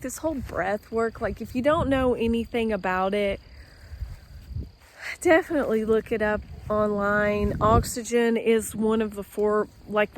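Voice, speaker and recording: A woman's voice: mid-range voice, a little hiss or hum. A woman talking casually to her viewers while out of doors, rambling with many fillers and restarts. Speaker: vlogger. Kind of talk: casual outdoor vlog talk. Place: outdoors with trees and her dogs.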